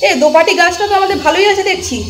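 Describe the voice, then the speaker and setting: A woman's voice: very high-pitched, fairly even intonation, very fast, soft background music. A woman chatting to her viewers in a casual vlog as she shows around her emptied home, her voice ringing in the echo of a bare room. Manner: chatty, showing things around. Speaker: vlogger. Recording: echoey empty room.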